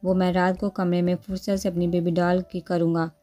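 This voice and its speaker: Woman reading teasing young husband, coaxing and playful, low mellow tone. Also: flat delivery, brisk, soft background music, natural voice. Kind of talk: storybook dialogue reading.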